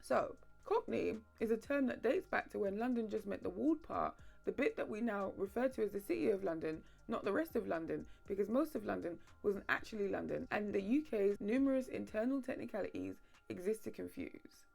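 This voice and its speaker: A woman's voice: mid-range voice, expressive, brisk, creaky, hardly any pauses, a little mellow, soft background music. A woman narrating a scripted history video essay with wry, sardonic asides.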